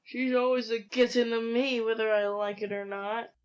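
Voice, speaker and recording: A woman's voice: on the high side, fairly even intonation, moderate pace, clear, resonant tone, close to an everyday voice. A cowardly young man whines and blubbers his excuses, his voice wobbling and pleading, as a woman narrator puts him on. The sound is slightly muffled and dull. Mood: blubbering. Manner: whining, blubbering.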